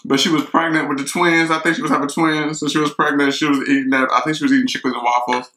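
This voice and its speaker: A man's voice: fairly high pitch, flat delivery, fast, bright, forceful tone, echoey room, poor audio. A man, rambling casually to viewers while eating in his kitchen. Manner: chatty, rambling, talks to viewers as y'all. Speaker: mukbang vlogger. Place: kitchen at home.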